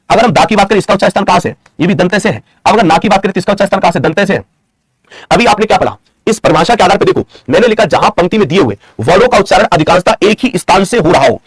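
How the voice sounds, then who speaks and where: A young man from India teaches an online grammar class in a high, slightly husky voice. He talks quickly, repeats each point as a question and its answer, and drills his students fondly. The sound is dry and close, with no room echo. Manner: affectionate teacher's address to students; dictates definitions slowly, word by word.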